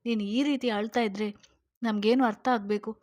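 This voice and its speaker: An alarmed middle-aged mother presses her daughter to explain , voiced by a woman reader. She sounds anxious and coaxing in a fairly flat, even delivery. It belongs to a narrated audio story. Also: a little high, moderate pace, no room sound, lightly acted.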